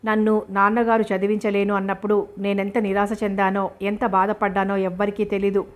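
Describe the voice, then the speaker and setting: Earnest, tender young student in love, read by a woman; flat, even storybook delivery. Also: medium pitch, a little fast, natural voice. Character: young man, grateful medical student, affectionate.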